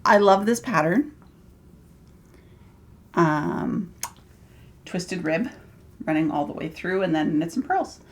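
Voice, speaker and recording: A woman's voice: lowish voice, animated, slow, long pauses, slight background noise. A woman co-hosting a podcast, chatting casually and laughing easily. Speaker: podcast co-host. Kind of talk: casual chat.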